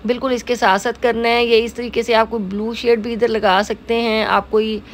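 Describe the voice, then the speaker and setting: A woman's voice: fairly high pitch, flat delivery, brisk, slight background noise. A middle-aged woman with a Pakistani Urdu accent, a makeup artist narrating a casual tutorial, talking in a chatty way with many filler phrases. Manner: chatty, repeats "jo hai woh" fillers. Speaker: makeup artist and salon owner.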